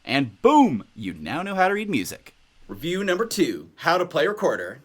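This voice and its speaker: A man's voice: brisk, slightly rough. A young man teaching a music lesson in an upbeat, instructional way. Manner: upbeat, instructional, lively pitch. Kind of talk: music tutorial.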